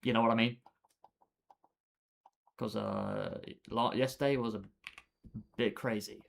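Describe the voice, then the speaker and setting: A man's voice: on the low side, steady tone, slow pace, gravelly, a little hiss or hum. A young man chatting casually with viewers while he plays a building game on a live stream, with lots of fillers and laughs. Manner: laid-back, chatty, laughs often, trails off with fillers. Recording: faint keyboard clicks behind.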